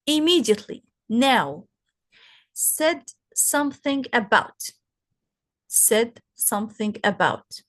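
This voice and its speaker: A woman teaches an English vocabulary lesson. She explains patiently at an unhurried pace and keeps asking her students rhetorical questions. Her voice sits a little high. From Palestine. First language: Arabic. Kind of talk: recorded classroom lesson.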